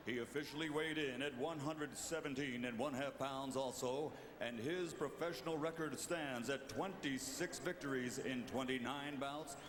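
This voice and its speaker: Echoey, theatrical male boxing ring announcer. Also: a little high. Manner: theatrical, formal, deliberate enunciation. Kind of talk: formal ring announcing with drawn-out, rising name calls like a lucha libre announcer. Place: large indoor boxing arena. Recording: echoey arena PA with background noise.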